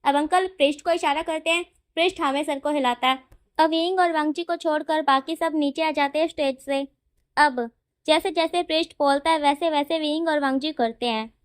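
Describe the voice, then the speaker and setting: A woman narrating a romantic fan-fiction story in a chatty, lively manner. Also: sits high, normal speed, dry recording, clean studio sound.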